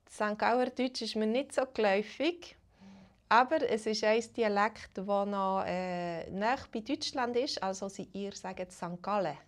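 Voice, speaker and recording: Swiss german teacher lady on a live stream, talks real slow, greets the chat, flips between english and german. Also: mid-range voice. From Switzerland.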